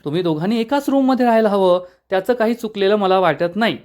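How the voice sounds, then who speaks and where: A man's voice: sits high, fast, a little mellow, lightly acted. A man voicing a playful middle-aged mother in a spoken serial recap, with a light coaxing manner. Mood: teasing.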